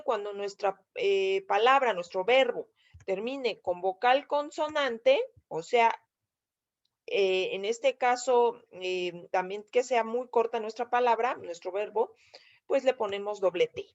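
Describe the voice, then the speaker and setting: A woman's voice: mid-range voice, lively intonation, unhurried, lo-fi sound. A woman with a Mexican accent teaching a video lesson, patiently explaining step by step and often checking with her listeners. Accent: Mexican Spanish. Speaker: English teacher.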